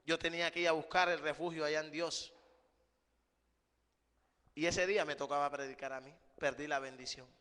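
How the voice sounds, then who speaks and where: A man preaching a sermon, emphatic, often rising and then dropping to a hush, calling his listeners brother. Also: on the high side, steady tone, moderate pace, pauses often, smooth. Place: church hall. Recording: live stream with long hall reverb.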